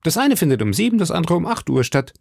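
A man's voice: fairly high pitch, sing-song, quick pace, creaky, a little mellow, no echo, studio quality, pitched above the performer's own voice, full character voice. A man voicing a bold young musketeer who speaks eagerly and commits at once, in a German audiobook reading. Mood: resolute.

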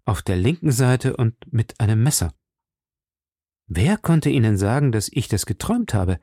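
A man's voice: lowish voice, big pitch swings, normal speed, mellow, slightly rough, no echo, studio quality, exaggerated voice. A man reading an audiobook, voicing an anxious, imploring queen in raised exclamations. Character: anxious pleading woman, a queen.

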